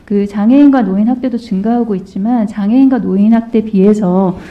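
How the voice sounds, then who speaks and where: A woman's voice: mid-range voice, fairly quick, phone-quality sound. A woman lawmaker questioning a minister at a hearing in a firm, pointed way. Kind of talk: parliamentary questioning.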